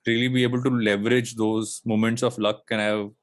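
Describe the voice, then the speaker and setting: This late-thirties Indian man, speaking as a podcast guest, has a lowish voice and a level tone, moving briskly. He rambles reflectively through the casual interview with plenty of fillers and restarts, and the recording is dry.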